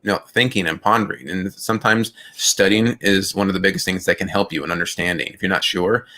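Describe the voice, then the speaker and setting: A man's voice: sits low, fairly even intonation, quick pace, bright, forceful tone. A middle-aged man co-hosting a spiritual self-help podcast, talking in an earnest, reflective way with frequent restarts. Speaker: podcast co-host.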